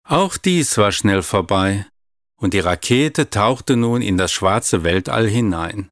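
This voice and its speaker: A man calmly reading a children's story aloud. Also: on the low side, slow pace, dry recording, clean studio sound. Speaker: narrator.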